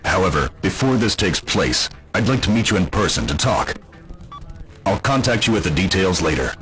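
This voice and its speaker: An actor playing a grave male resistance leader whose voicemail message is played back in a video game, speaking in a formal, measured way. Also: deep voice, big pitch swings, fairly bright tone, faint music behind. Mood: earnest.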